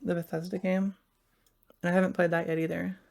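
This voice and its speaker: A woman's voice: lowish voice, little pitch movement, fairly quick, creaky, darkish tone. A young woman live-streaming from home, rambling chattily to her viewers while she fiddles with something. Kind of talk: casual live-stream chat.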